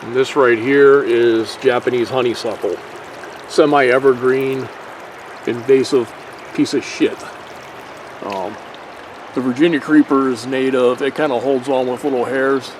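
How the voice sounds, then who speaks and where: A man casually narrating a nature hike outdoors by a creek, in a relaxed, rambling way with fillers and mild swearing, recorded on a handheld camera. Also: medium pitch, a little slow, pauses often, low-quality recording. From Pennsylvania. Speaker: nature vlogger. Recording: faint outdoor noise on a camera mic.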